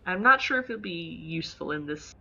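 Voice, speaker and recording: A woman's voice: fairly low pitch, animated, fairly quick, creaky, pushed and bright. A woman chatting casually as a player in a tabletop game, on a slightly dull lo-fi recording. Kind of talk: casual chat in character.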